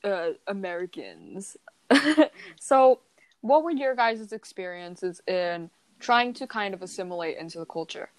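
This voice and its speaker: A young woman hosts a casual podcast conversation in a playful, easygoing way, laughing easily between points. Her voice sits at an ordinary pitch, and the recording is dry with little room sound. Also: lively intonation, a little slow, clean tone, no room sound, poor audio. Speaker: podcast host. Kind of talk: casual chat.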